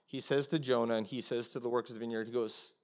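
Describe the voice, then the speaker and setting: A man preaching a sermon as pastor, earnest, acting out prayers to God and dropping to a soft hush at times. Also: mid-range voice, fairly even intonation, fast. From Canada.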